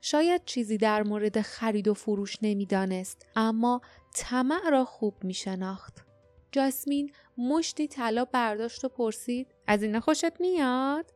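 A woman narrating an audiobook in a steady, measured storytelling manner. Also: on the high side, no room sound, soft background music. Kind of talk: scripted narration.

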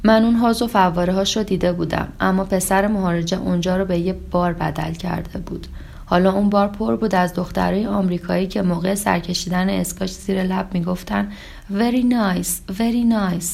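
A woman narrating a translated story in a calm, even reading voice, lightly voicing the dialogue. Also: on the low side, vocal fry. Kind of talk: scripted audiobook narration.

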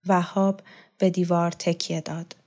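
Calm woman reading a novel aloud. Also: lowish voice. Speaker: narrator. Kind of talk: scripted narration of a novel.

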